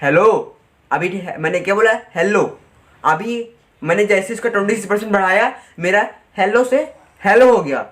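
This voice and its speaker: A man teaching a physics lesson online, chatting with students and reading textbook lines out slowly. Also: high-pitched, fairly bright tone. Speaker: physics tutor.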